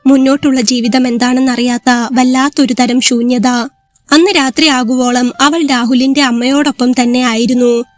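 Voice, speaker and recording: A woman reading a scripted story aloud in a steady, even manner. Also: sits high, moderate pace.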